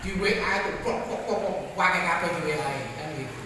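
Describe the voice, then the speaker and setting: A preacher with a Javanese accent gives a lively sermon, joking and asking the audience for shows of hands. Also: mid-range voice, fast, background noise. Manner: animated, jokes and asks the crowd for shows of hands. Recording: echoey hall, voice from far off.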